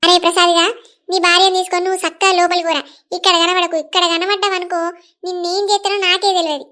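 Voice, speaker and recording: A woman's voice: extremely high pitch, little pitch movement, quick pace, sharp tone. A woman voicing a bossy village mother-in-law. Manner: bossy scolding. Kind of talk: cartoon voice acting.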